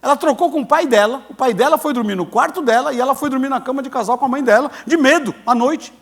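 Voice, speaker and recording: A man's voice: extremely high pitch, fast talker. A man in his sixties, a pastor telling a story in a sermon, acting out the voices of the people in it. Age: 60s. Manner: animated storyteller, acts out quoted voices.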